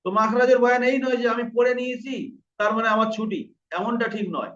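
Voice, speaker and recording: A man with a fairly high voice teaches pronunciation, patiently repeating each sound to show how it is made. He sits back from the microphone in a roomy space, and the recording sounds muffled and lo-fi. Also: fairly even intonation, a bit bright. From India. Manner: patient, repeats sounds slowly to demonstrate them. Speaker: Quran recitation teacher. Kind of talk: online lesson on pronunciation. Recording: roomy, distant, dull lo-fi sound.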